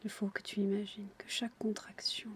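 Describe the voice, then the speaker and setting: A woman guiding a relaxation in a breathy, intimate ASMR whisper, soothing and addressing the listener directly. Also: mid-range voice, level tone, a little fast. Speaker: relaxation guide for childbirth.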